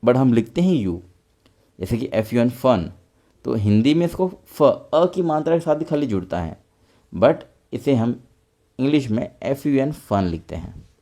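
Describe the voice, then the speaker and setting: A male teacher gives a patient online lesson with a warm, mellow tone. He spells out each word letter by letter before slowly saying it aloud, and repeats his points in a friendly way for the viewers. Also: mid-range voice, big pitch swings. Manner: spells out English words letter by letter, then says them slowly; patient, repetitive explaining, addresses viewers as friends. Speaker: English grammar teacher.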